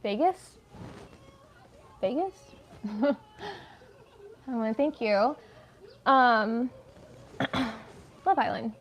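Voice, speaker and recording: Chatty woman, slightly high voice. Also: lively intonation, very slow, pauses often, highs cut off, slight background noise. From United States. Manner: chatty and rambling, lots of "like", easily sidetracked. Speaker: livestream host. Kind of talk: casual chat while crocheting.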